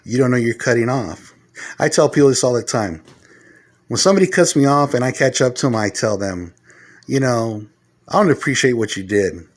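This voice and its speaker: A middle-aged man talking casually to the camera, giving earnest advice point by point and growing loud and heated as he retells arguments. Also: mid-range voice, expressive, moderate pace. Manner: earnest, lecturing, numbers his points. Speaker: vlogger giving life advice.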